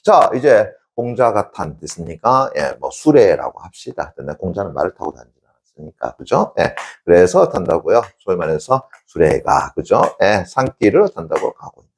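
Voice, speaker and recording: A man's voice: low-pitched, moderate pace, vocal fry, husky. A male teacher telling a classical tale in a lecture, constantly checking in with his students and answering himself. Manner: animated storytelling, sound effects. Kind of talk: Korean classics lecture, storytelling.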